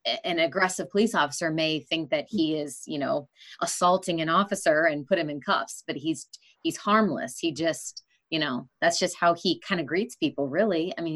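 Low-voiced woman podcast host. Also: normal speed, fairly bright tone. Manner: chatty, many fillers like "you know". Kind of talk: casual conversation.

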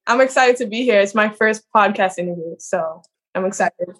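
A nineteen-year-old woman from Trinidad eagerly tells her story as a guest on a casual podcast interview held over a video call. Her voice is medium-pitched and a bit bright, and she speaks at a moderate pace.

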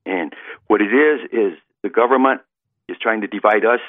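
Nervous guy calling in over the phone, tinny line, lowish voice. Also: dry recording. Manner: nervous, halting, restarts often. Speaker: caller. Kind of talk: call-in talk.

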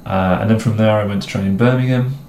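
A young adult man from the English Midlands, his accent a mixed and somewhat posh English, co-hosts a casual chat, rambling in a relaxed way and cracking self-mocking jokes. His voice sits fairly low and moves at a quick pace, recorded in an echoey room with faint background noise.

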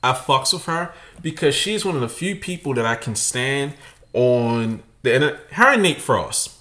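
A man's voice: medium pitch, lively intonation, normal speed, sharp tone. A man, co-hosting a podcast with brash, profane, emphatic rants. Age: 30s. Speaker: podcast co-host. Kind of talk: casual opinionated rant.

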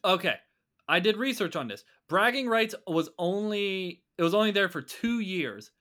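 A man's voice: sits high, expressive, normal speed, pushed and bright. A man, co-hosting a casual podcast chat and talking animatedly, swearing and bragging about his trivia. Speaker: podcast co-host.

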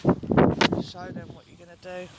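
Woman doing a slow creepy demon queen, cackles a lot, noisy outside. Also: close to an everyday voice. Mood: menacing. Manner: menacing, slow, with cackling laughs. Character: gloating female demon queen of the underworld. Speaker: wrestling promo villain. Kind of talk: villain promo monologue.

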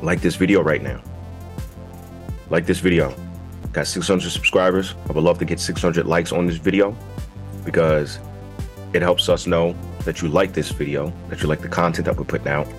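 A man with a low, froggy voice, croaky as if just out of bed, hosts a podcast in a loose, slangy way. He speaks directly to his audience, with music playing behind him. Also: level tone, fairly quick. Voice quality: croaky, froggy early-morning voice. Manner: informal, slangy, addresses listeners directly. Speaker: podcast host. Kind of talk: casual video podcast monologue with slang.

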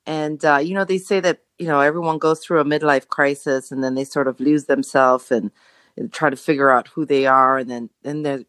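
A middle-aged woman from Jamaica, a podcast guest telling her story in a reflective way, pausing to search for words. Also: low voice, steady tone, a bit bright, no room sound. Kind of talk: casual conversation.

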